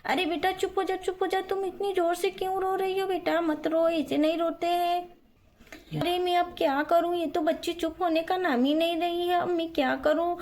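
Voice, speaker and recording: A woman's voice: very high voice, flat delivery, moderate pace, darkish tone, voice pushed up. A woman as a kind, worried housewife. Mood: soothing. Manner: coaxing, talks to herself aloud. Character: kind poor young housewife, caring and worried.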